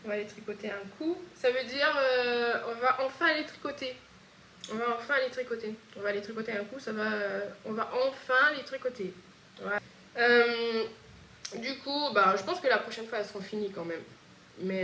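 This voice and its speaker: A woman's voice: fairly high pitch, bright, forceful tone, slight background noise. A woman from Réunion with a Réunion French accent, chatting casually and hesitantly as host of a knitting podcast. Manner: chatty, hesitant, frequent pauses. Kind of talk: casual chat. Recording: echoey room.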